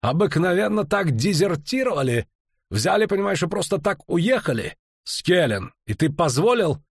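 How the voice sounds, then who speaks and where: A man doing an incredulous gruff hunter. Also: sits high, big pitch swings, normal speed, no echo, clean studio sound, pitched above the performer's own voice, exaggerated voice. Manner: incredulous, mocking.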